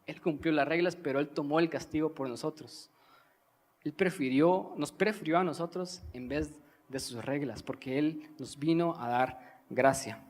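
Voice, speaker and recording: A young man from Guatemala, preaching a sermon in an earnest teaching manner, pausing to stress key words. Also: a little high. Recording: reverberant church hall.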